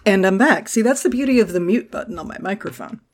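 A woman's voice: mid-range voice, animated, fast. A woman from Texas with allergy congestion, co-hosting a casual comedy podcast in an irreverent, joking, sweary way. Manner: irreverent, salty-tongued, joking. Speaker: podcast co-host.

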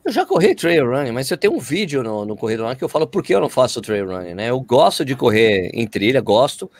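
This interview guest, a man who makes running videos, has a Brazilian Portuguese accent and a medium-pitched voice with big swings in pitch. He talks quickly, with no room sound, spinning stories in a relaxed, slangy way.

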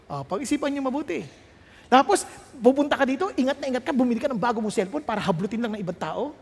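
A man preaching a sermon, mixing Tagalog and English and building up to shouted peaks. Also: very high-pitched, breathy edge. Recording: long hall reverb.

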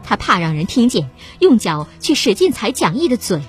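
Woman narrating a story, lively pitch. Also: normal speed, soft background music. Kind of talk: scripted narration.

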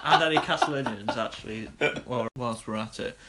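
A man, co-hosting a casual podcast, talking haltingly with lots of fillers and getting animated when he argues a point. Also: medium pitch, heavy background noise. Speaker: podcast co-host. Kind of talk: casual chat.

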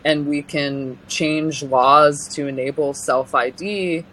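The speaker is a young woman from California, a deep-voiced interview guest sharing personal testimony; she is earnest yet halting, full of pauses and restarts. Her tone is steady and fairly bright. Audio quality is poor, with a slight background noise.

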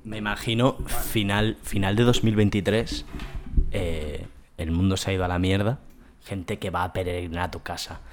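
A man's voice: low voice, fairly even intonation, moderate pace, noisy background. A man from co-hosting a podcast, laid-back and joking in casual chat. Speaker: podcast co-host.

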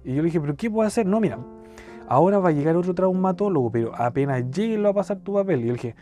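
A man's voice: high voice, animated, quick pace, dark tone, faint music behind. A young man with a Chilean accent telling a rambling personal story in slangy casual speech. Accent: Chilean Spanish. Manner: rambling, slangy, keeps saying cachai. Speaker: podcast storyteller.

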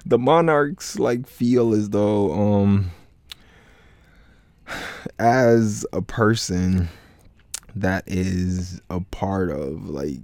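A man's voice: on the low side, drawn-out words, long pauses, darkish tone, no echo. A man from Florida hosting a solo podcast, rambling casually with many filler words and restarts. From Florida, United States. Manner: rambling, heavy on "like, you know" fillers and restarts. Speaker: podcast host.

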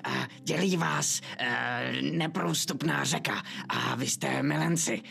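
A man's voice: gravelly, bright, forceful tone, heavily acted. A man voicing a fussy, demanding floating skull who directs a play, bossy and theatrical. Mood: coaxing. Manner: bossy, theatrical, shrill outbursts.

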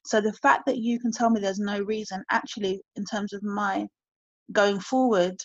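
A woman's voice: medium pitch, steady tone, moderate pace, no room sound. Candid woman, dry dull audio. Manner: candid, reflective, searching for words. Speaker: guest. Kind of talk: emotional personal story in conversation.

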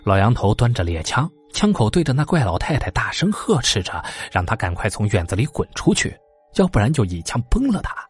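A male storyteller giving an expressive narration of a folk-horror tale. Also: mid-range voice, brisk, breathy edge. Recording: faint background music.

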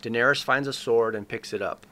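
Male co-host with a bright voice, loose scene-by-scene recap, many "uh"s. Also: mid-range voice, a little fast. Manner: starts most sentences with "uh".

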